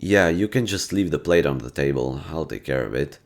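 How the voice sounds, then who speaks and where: A bass-voiced man speaks briskly with lively intonation in a roleplay audio. He plays a kind, teasing young guy who gets flustered easily, talking straight to the listener in a caring, gentle mood. His delivery is playful, casual, and slangy, with muttered asides.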